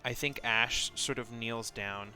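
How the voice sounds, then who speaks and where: A man's voice: medium pitch, fairly even intonation, slow pace, pushed and bright, soft background music. A man playing a tabletop game, chatting casually as he describes what his character does.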